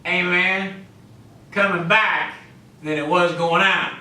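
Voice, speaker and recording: A male pastor preaching a sermon, swinging between loud emphatic calls and quiet asides, often saying "you know" and "amen". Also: high-pitched, fairly even intonation, slow. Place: church sanctuary. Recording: echoey church, mic at a distance.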